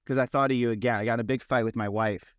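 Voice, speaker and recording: A man's voice: medium pitch, rapid-fire, dry recording, studio quality. Chatty middle-aged man telling a story. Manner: rambling, animated storytelling with restarts. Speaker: podcast host. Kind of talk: casual conversation.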